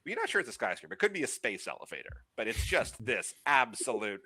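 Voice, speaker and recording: Bright-voiced male game master. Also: medium pitch, very animated, fast, husky, dry recording. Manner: loose, laughing, filler-heavy narration. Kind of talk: narrating a tabletop game.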